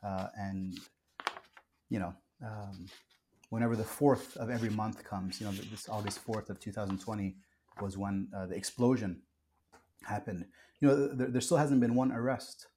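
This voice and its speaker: A man's voice: on the low side, steady tone, normal speed, warm tone, slight background noise. A man who was born in Kuwait and raised in the US, a pastor talking earnestly and reflectively in a podcast interview, with frequent restarts and fillers.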